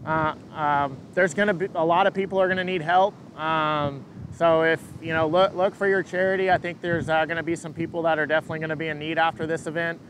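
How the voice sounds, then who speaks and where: A man giving an unscripted live weather update as a forecaster, answering questions in a halting way and repeating words as he thinks. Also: steady tone, fairly bright tone, poor audio. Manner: hesitant, halting, repeats words mid-thought. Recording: engine rumble and wind noise.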